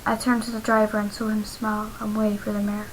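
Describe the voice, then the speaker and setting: A woman reading her own fanfiction aloud slowly and carefully, as an amateur storyteller. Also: medium pitch, completely flat delivery, a little hiss or hum, rough recording. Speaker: fanfiction reader.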